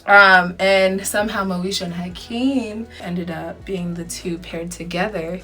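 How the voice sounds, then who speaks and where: A young beauty vlogger with a fairly low, sharp-toned voice does a chatty get-ready-with-me makeup tutorial, addressing viewers directly in slang like old friends. She speaks steadily at a measured pace, recorded on a distant mic with background music playing.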